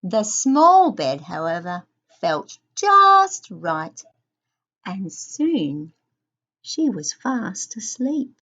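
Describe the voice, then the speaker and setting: A woman reading a children's story aloud, sing-song, pausing to ask young listeners questions. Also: medium pitch, big pitch swings, a bit bright, muffled recording.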